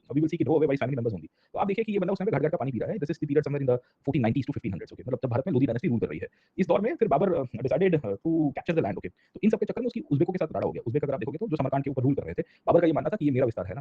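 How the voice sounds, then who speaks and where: Rapid-fire husky male history teacher. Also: mid-range voice, sing-song, lo-fi sound. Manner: mixes Hindi and English, keeps checking in with listeners. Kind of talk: exam-prep lecture.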